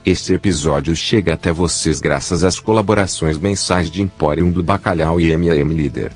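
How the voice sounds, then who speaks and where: A man's voice: deep voice, moderate pace, darkish tone, breathy edge, soft background music. A synthetic male voice like an old speech synthesizer, with a Brazilian accent, mechanically reading a scripted technology news bulletin as announcer. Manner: mechanical, evenly read announcements.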